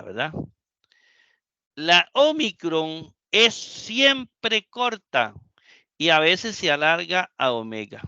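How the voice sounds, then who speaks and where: A man's voice: a little high, bright, forceful tone, no room sound, muffled recording. A man teaching Greek in a live class lecture. He repeats the key points and keeps asking the students questions.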